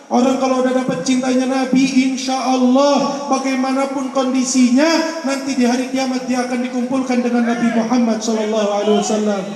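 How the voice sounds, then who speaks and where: A man's voice: very high-pitched, a little hiss or hum. A man preaching a religious sermon to a crowd at an outdoor park gathering, joking in colloquial banter and slipping into chanted prayer. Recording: echoey loudspeaker sound from far off.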